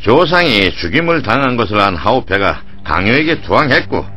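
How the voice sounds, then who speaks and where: A man's voice: medium pitch, big pitch swings, normal speed, pushed and bright. A man playing a tense court officer in a dubbed historical animation, formally delivering urgent reports. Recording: muffled dub with faint music.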